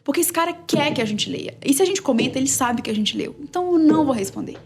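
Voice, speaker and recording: A woman sports journalist and narrator, a guest telling a story with quick, emphatic energy in a casual interview. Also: high voice, animated, a little mellow.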